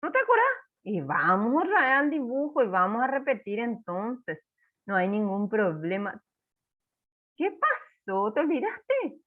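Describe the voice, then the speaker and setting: A woman teaching a first-grade class, slow and encouraging, spelling words out for young children. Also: on the high side, big pitch swings, phone-quality sound. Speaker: primary school teacher.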